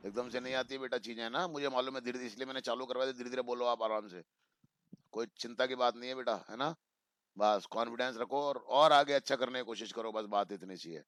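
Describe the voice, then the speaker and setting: A man teaching an online spoken English class, patiently encouraging students and gently correcting their grammar over a video call. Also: mid-range voice, steady tone, fast talker, dry recording.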